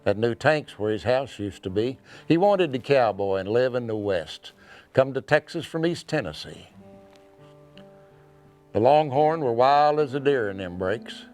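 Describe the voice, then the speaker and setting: A man with a mid-pitched voice recites cowboy poetry in rhymed, measured lines. His delivery is earnest, with dramatic phrasing and pauses. Soft acoustic guitar plays faintly behind him. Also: lively intonation. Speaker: cowboy poet. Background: soft acoustic guitar music.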